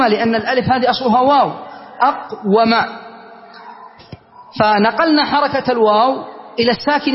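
A man teaching an Arabic grammar class, stretching out words and repeating them for his students. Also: very high-pitched. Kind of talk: classroom lesson. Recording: dull, echoey classroom recording.

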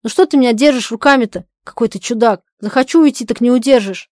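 A woman plays a capricious, petty young wife who mocks and brushes off her husband. Her lines come out sharp and teasing. The voice sits fairly high, in a dry, close recording. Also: quick pace, no echo, close to an everyday voice. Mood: capricious, impatient. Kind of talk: dramatic reading of a stage play.

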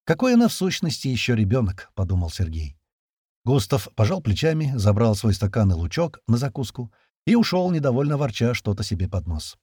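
A man doing scripted narration of an audiobook with expressive, steady storytelling. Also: mid-range voice, brisk, breathy edge, dry recording, studio quality.

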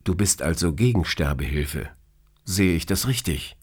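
A man's voice: deep voice, animated, normal speed, a little mellow, slightly rough. A man voicing a tired, grumpy office worker in an audiobook story, answering in short, grumbling replies. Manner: terse, grumbling. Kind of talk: audiobook character reading.

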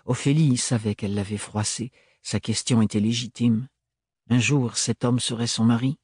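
Man reading a novel aloud, steady and even, kinda husky, dead dry sound. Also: mid-range voice, moderate pace, no echo. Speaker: audiobook narrator. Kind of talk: scripted novel narration.

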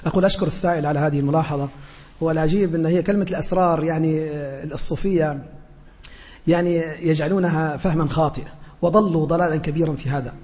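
A man teaching as a sheikh, answering students' questions in an earnest, humble way with frequent hesitant pauses. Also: on the high side, darkish tone, big-room sound. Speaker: sheikh teaching a religious lesson.

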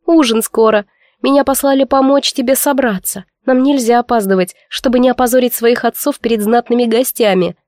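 Tearful young noble girl, high and pleading, played by a woman narrator, dry close sound. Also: steady tone, fairly quick, darkish tone, no echo, natural voice. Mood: composed. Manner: sobbing, pleading, high-pitched. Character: weepy young noblewoman cousin, heartbroken. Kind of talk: audiobook character voice.

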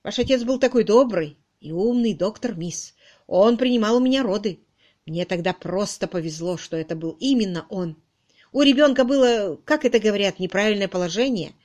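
A woman voicing a loud, bossy middle-aged charwoman in an audiobook, brusque and exclaiming. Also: medium pitch, lively intonation, moderate pace, natural voice. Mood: gushing. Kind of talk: audiobook reading.

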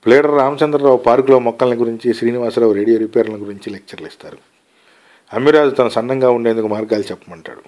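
Calm man reading a story aloud. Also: medium pitch, rapid-fire. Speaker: story reader. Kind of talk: read-aloud short story narration.

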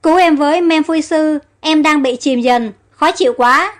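A woman's voice: sits high, normal speed, natural voice. A woman reading as a frightened young heroine. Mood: panicked.

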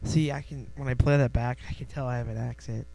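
Speaking into a close desk microphone in his home, a young Midwestern American podcaster rambles through a casual solo episode, self-deprecating and often starting over. His mid-range voice is brisk, creaky, and mellow with a steady tone, and the recording is dry.

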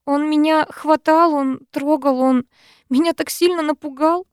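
A woman reading the tearful lines of a frightened young woman in an audiobook, with a pleading, shaky, drawn-out manner. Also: high-pitched, flat delivery, a little mellow, no echo, clean studio sound, voice pushed up.

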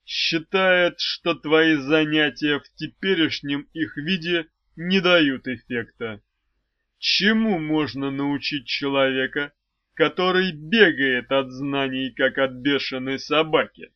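A man voicing a proud, quick-tempered swordsman of darkness in an audiobook, slow and booming. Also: no room sound, muffled recording, lightly acted. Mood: lecturing. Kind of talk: audiobook character voice.

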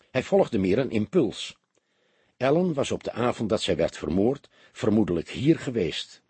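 A man narrating a detective audiobook in an expressive storytelling manner. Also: on the low side, breathy edge, dry recording.

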